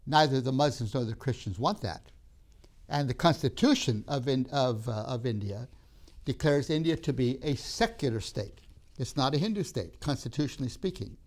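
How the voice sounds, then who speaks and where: An older man who grew up in Tanzania gives a recorded seminary lecture, speaking in measured, emphatic phrases with pauses, "uh"s and restarts. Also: medium pitch, animated, a little mellow.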